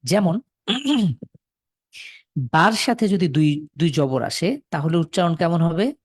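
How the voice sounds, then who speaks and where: In clean studio audio, this Bangladeshi teacher speaks slowly in a fairly high, expressive voice. During his live online Quran reading class, he goes over the rules patiently and pronounces syllables for his students to repeat through a computer microphone.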